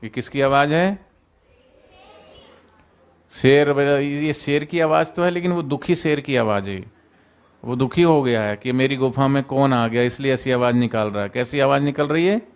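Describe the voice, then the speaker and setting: A man telling a moral story to students in a sermon, animated, often quizzing the listeners and coaxing them to join in. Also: mid-range voice, moderate pace, clean tone.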